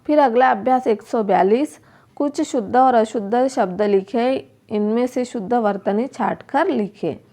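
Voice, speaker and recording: A woman teaching a school lesson, speaking slowly and repeating words as she asks her pupils questions. Her voice sits a little high and has a gravelly edge. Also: mellow. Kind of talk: workbook lesson explanation.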